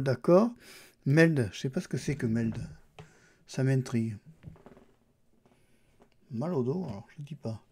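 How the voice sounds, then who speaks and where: Guy casually narrating his software test, soft mellow voice, mumbling his thoughts to the viewer. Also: fairly high pitch. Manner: thinks aloud, chatty, addresses viewer as tu. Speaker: YouTuber testing a Linux distribution. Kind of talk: casual screen-recorded software walkthrough.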